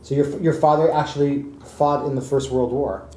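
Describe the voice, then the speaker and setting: A man's voice: mid-range voice, fairly even intonation, moderate pace, warm tone. A man conducting an oral history interview at someone's home, patiently repeating answers back to check them. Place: private home. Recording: echoey room with faint background noise.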